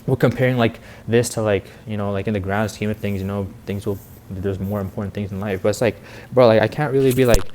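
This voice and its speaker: Here an eighteen-year-old man speaks fast in a fairly low, slightly mellow voice, keeping his intonation fairly even. He's a content creator and vlogger rambling through a slangy, confessional monologue, saying "like" and "bro" over and over among other fillers. A little hiss or hum is present.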